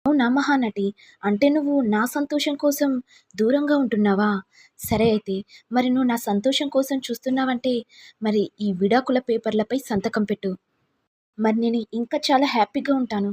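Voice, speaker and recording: A woman's voice: on the high side, brisk, a little mellow, slightly rough. A woman voicing an angry young husband who taunts and accuses his wife. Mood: taunting.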